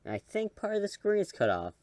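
A man giving rambling, self-deprecating commentary while playing a game, often trailing off softly. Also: high voice, huge pitch swings, quick pace, dry recording. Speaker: gaming channel host.

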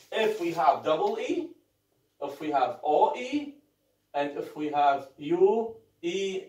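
Male lecturer, slightly high voice, slow and hesitant, recorded far off in an echoey room. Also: warm tone. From Iraq. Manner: halting, many fillers and rhetorical "what?" questions. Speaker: university grammar lecturer.

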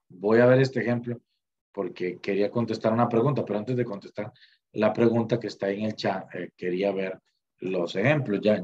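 A man's voice: on the low side, dull audio. A man teaching an online class in a chatty way, full of fillers and restarts, over a video call mic.

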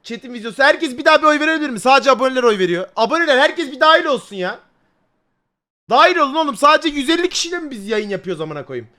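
A young man, chatting loudly and crudely with his live stream viewers, joking and swearing freely. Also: extremely high pitch, animated, racing. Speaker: livestreamer.

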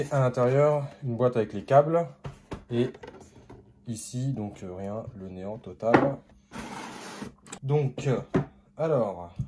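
A man's voice: medium pitch, noisy background. A man hosting a casual unboxing video, talking hesitantly with many fillers and restarts, with an accent. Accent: non-native or regional French.

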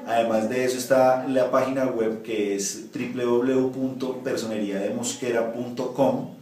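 In an office with window blinds, captured distantly with echo, a municipal ombudsman in his thirties responds to interview questions. He restarts and uses fillers a lot. His mid-range voice is darkish, fairly even, at normal speed.

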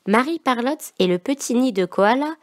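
A woman reads a children's picture book aloud to young listeners. Her reading is expressive and lively, and her voice sits a little high. The sound is close and dry. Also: moderate pace, no echo.

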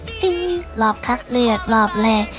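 A man's voice: very high voice, very animated, unhurried, over music, voice pushed up, full character voice. A man using a voice-changer app to dub a young woman racer in a racing game, with a slightly robotic, not quite human sound. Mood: teasing. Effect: voice-changer app making a female voice.

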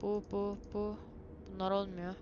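A young woman doing let's-play commentary on a horror game, excitable and cursing, yelling at the monsters. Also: medium pitch, measured pace, dull audio, noisy background. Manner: excitable, swears and yells at monsters. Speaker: gamer playing a horror game.

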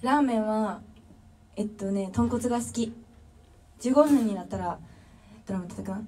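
A woman's voice: mid-range voice, normal speed, mellow, far from the mic. A young woman with a Kansai accent chatting casually on a livestream, reading viewer comments and thanking fans one by one. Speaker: drummer livestreamer.

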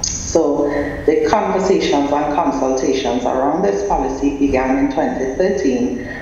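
A man's voice: a little high, measured pace, mellow, a little hiss or hum. Man presenting in an echoey hall. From Trinidad and Tobago. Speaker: conference presenter. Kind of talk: academic conference presentation. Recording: echoey, dull sound in a large hall.

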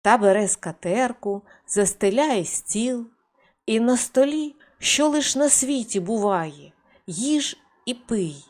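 A woman reading a folk fairy tale aloud in a measured, expressive storytelling manner. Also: a little high.

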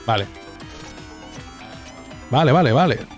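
Male streamer, Castilian accent, casual and animated play-by-play, swears freely, game music underneath. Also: mid-range voice, takes it slowly. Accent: Castilian Spanish. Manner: animated, sweary, talking to himself. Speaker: gaming streamer. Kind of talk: casual gameplay commentary. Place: small indoor streaming room. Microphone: boom-arm microphone close up. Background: video game music.

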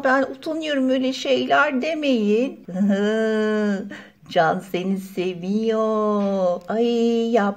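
A woman hosting a toy channel, playing girl dolls at a pajama party in chatty, gossipy voices. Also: fairly high pitch. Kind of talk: doll play role-play.

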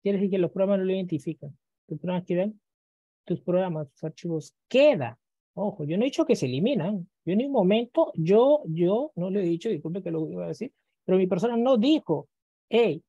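A man's voice: sits high, expressive, a little fast, dark tone, husky, dry recording, lo-fi sound. A male computer teacher in a screen-recorded lesson who keeps checking in with listeners and acts out students' questions, then answers them himself.

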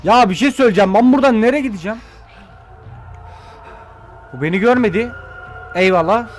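A man's voice: sits high, a little fast, soft background music. A man giving scared, cursing commentary while playing a horror game, often yelping when startled. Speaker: gameplay streamer.

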